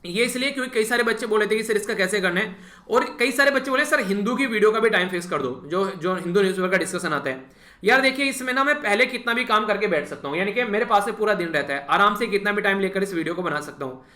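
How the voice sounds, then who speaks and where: A man teaches an exam-prep lesson at a brisk pace. His voice sits high and sounds bright and forceful. The room around him echoes. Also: animated. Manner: repeats "thik hai" as a filler, addresses students directly. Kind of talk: casual spoken lecture.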